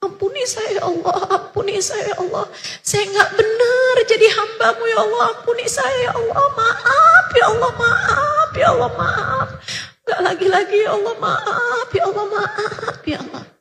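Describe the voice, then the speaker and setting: A woman's voice: very high-pitched, moderate pace, sharp tone, pitched above the performer's own voice, full character voice. A woman preacher voicing an elderly devout woman who weeps and pleads for forgiveness in prayer. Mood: sobbing pleading. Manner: weeping, pleading, wailing. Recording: echoey hall.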